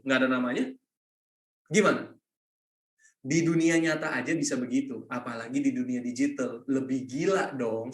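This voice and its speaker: A man's voice: fairly high pitch, a bit bright, roomy sound. A man giving an informal masterclass lecture in blunt, combative slang. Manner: blunt, combative slang-heavy Jakarta talk. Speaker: masterclass speaker.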